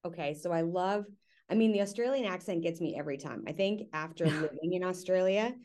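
Brisk and a little mellow, her voice sits on the low side. She's a Canadian woman in her thirties hosting a podcast, enthusiastic and upbeat as she handles hosting and interview chat over light background music.

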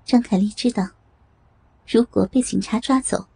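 A woman narrating a scripted story in a steady storytelling manner. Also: medium pitch, moderate pace, vocal fry, breathy edge.

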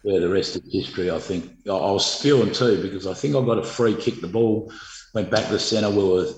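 A man's voice: low voice, a little fast, a little mellow. A middle-aged Australian man, a former footballer, telling stories in an interview in a rambling, laid-back way with lots of fillers. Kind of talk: storytelling interview. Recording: echoey room.

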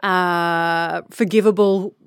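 A woman's voice: lowish voice, steady tone, slow, clear, resonant tone, dry recording, clean studio sound. An Australian woman hosting a podcast, giving earnest, practical advice on speaking in a conversational teaching style. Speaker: podcast host and voice coach.

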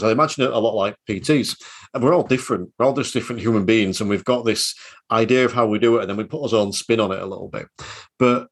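A man's voice: medium pitch, slightly rough. A man hosting a podcast as a driving instructor, asking questions and giving advice in an encouraging, conversational way. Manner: encouraging, conversational, some hesitations.

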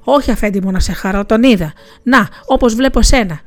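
A woman's voice: a little high, close to an everyday voice. A woman voicing a terrified male servant of a Persian lord, pleading and lamenting in a storybook tale.

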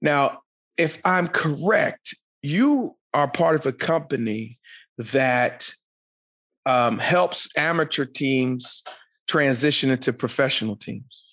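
A man's voice: mid-range voice, animated, slow, fairly bright tone. A man hosting a podcast in an upbeat way, often repeating his phrases. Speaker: podcast host.

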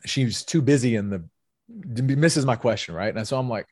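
A man's voice: mid-range voice, expressive, moderate pace, a little mellow, slightly rough, no room sound, clean studio sound. A man in his forties, a sales executive, earnestly telling a personal story as a podcast guest and often repeating his words.

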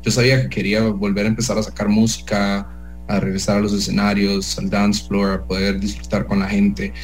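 A man, a DJ guest in a casual radio interview, talking hesitantly with many pauses and restarts. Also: on the low side, completely flat delivery, soft background music, low-quality recording. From El Salvador.

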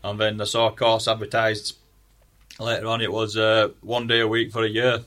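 A man's voice: lowish voice, monotone, normal speed, a bit bright. A man with a broad Yorkshire accent, a guest telling how he began baking and decorating cakes, in a chatty, rambling way full of restarts. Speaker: cake maker, guest. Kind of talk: casual chat.

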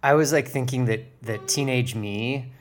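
A woman's voice: a bass voice, moderate pace. A woman co-hosting a podcast, chatting casually, hesitant, with many restarts. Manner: hesitant, restarts, laughs along. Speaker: podcast co-host. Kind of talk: casual chat.

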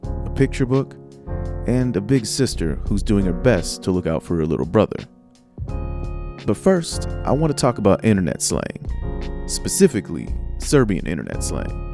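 A man's voice: on the low side, sing-song, normal speed, creaky, over music. A man hosting and narrating a podcast in a conversational, scripted way. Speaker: podcast host and producer.

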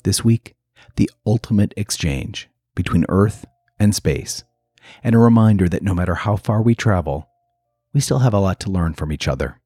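A man reading a scripted podcast introduction with measured, dramatic emphasis. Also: low voice, expressive, warm tone, breathy edge, no echo, clean studio sound. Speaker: podcast host.

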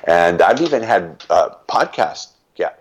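Deep, husky, and sing-song, this older man's voice moves a little slowly. As a guest in an interview, he reflects on his life through emphatic stories.

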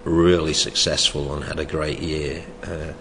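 A very deep, gravelly and loud voice, level in tone and a little slow, comes from an older man who was once a soccer coach. Reflecting in an oral history interview, he speaks hesitantly with many restarts and chuckles. The recording has long reverb and faint background noise.

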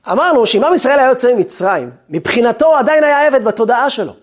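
Male rabbi, sermon delivery, lively pitch swings, slightly husky, acts out quotes. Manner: animated, rhetorical questions, acts out quoted dialogue. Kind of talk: weekly Torah portion sermon.

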